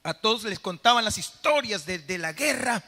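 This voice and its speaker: A man preaching a sermon as pastor, animated, dramatizing scenes and calling out phrases to his church. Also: high-pitched, normal speed, big-room sound. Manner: animated preaching, acting out voices and shouting phrases. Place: church sanctuary.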